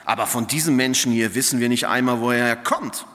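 A man reading aloud as a group of indignant religious leaders, raising his pitch into insistent questions, in a space with long church reverb. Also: a little fast, fairly bright tone, natural voice.

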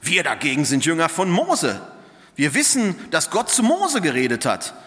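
A man reading aloud as a group of indignant religious leaders, raising his pitch into insistent questions, in a space with long church reverb. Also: huge pitch swings, moderate pace, fairly bright tone.

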